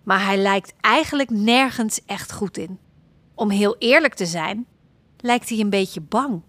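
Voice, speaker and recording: A woman reading a children's story aloud in an expressive, playful narration style. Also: mid-range voice, unhurried, dry recording.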